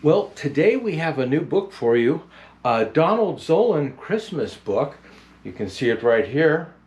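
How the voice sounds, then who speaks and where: A man playing a jolly old Santa Claus who hosts a picture book reading in a gentle, halting, unhurried manner. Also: medium pitch, natural voice.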